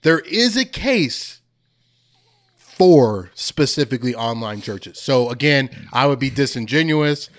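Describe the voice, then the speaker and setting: A man's voice: mid-range voice, animated, a little slow. A man hosting a casual commentary chat, slangy and repeating phrases for emphasis. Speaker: host.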